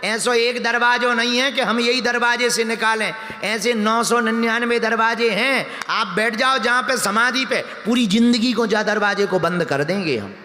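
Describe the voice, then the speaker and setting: Man playing a stubborn fussing village mother, bright tone, echoey hall, soft music. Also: very high-pitched, moderate pace, hardly any pauses, pitched above the performer's own voice. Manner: firm, then soothing and fretful.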